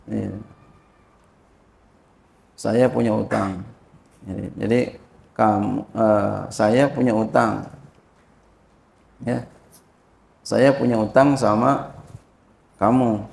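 A man teaches a religious lesson in a slow, unhurried voice with a gravelly edge. He keeps checking that his listeners understand and lifts his voice to chant Arabic phrases. The sound is echoey, as in a large hall. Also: fairly low pitch, a little mellow. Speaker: Islamic teacher explaining a classical fiqh text. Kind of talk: informal religious lesson, reading Arabic text and explaining it. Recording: echoey room.

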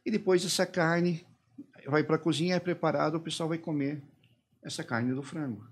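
A middle-aged man from Brazil, a podcast guest, telling his story haltingly and quoting the people who questioned him. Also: fairly high pitch, steady tone, husky. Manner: halting retelling, quoting his interrogators and himself. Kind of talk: personal testimony in a podcast interview.

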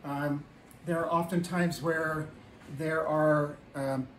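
A man in his fifties, voice on the high side, speaks slowly with fairly even intonation while giving a relaxed, matter-of-fact tour of his small wood-paneled home. He explains plainly and says um a lot. A camera a few feet away picks him up, so the sound is roomy, a little distant, and faintly hissy.

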